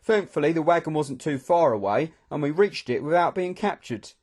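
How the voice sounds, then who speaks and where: Guy reading an audiobook, first person, steady storyteller voice. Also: on the high side, moderate pace. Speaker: audiobook narrator. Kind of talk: first-person novel narration.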